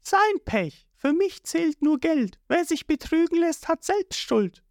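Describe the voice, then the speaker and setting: A woman's voice: extremely high pitch, sing-song, measured pace, a little mellow, dry recording, studio quality, voice pushed up, exaggerated voice. A woman voicing a greedy young female thief who speaks in a curt, scornful way. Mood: cold.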